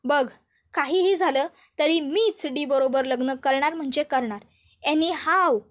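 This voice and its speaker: A woman voicing a spoiled, frantic young woman who fires off shrill, demanding questions. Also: a little slow. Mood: defiant.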